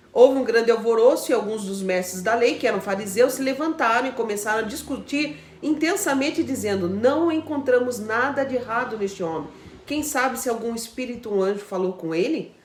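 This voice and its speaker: A woman reading a Bible passage aloud at a steady pace. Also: on the high side. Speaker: co-host reading scripture. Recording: echoey room.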